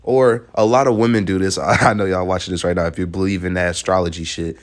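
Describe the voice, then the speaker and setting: Low-voiced man giving blunt reaction commentary. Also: fairly even intonation, fast. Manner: blunt, profane, laughs often. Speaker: reaction video host.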